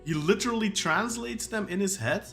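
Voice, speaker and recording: A man's voice: high voice, fairly quick, over music. A man from Belgium, a Dutch speaker talking in English as a podcast co-host and football writer, rambling and repeating words as he goes. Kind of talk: casual podcast chat.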